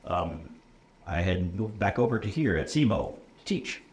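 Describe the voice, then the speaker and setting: The voice is low, with big pitch swings and normal speed. It belongs to an American man in his thirties from the USA, a computer science instructor whose first language is English, talking casually in a relaxed interview full of ums, uhs and "okay?" check-ins. A roomy echo and faint room noise come through.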